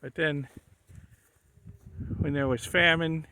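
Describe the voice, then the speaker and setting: A man's voice: fairly high pitch, fairly even intonation, takes it slowly, poor audio. An older man casually narrating his own travel vlog outdoors, chatty and admiring as he explains the sights. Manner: chatty, admiring, explains what a guide told him. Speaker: traveler filming his trip. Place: outdoors on a windy island hillside. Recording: loud wind noise on the mic.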